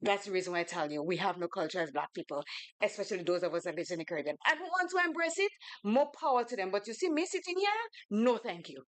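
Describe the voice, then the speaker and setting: Grenadian woman radio co-host, animated storyteller, dry close sound. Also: mid-range voice, quick pace, dry recording. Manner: animated storyteller, acts out quoted voices. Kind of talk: casual radio talk with storytelling. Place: radio studio.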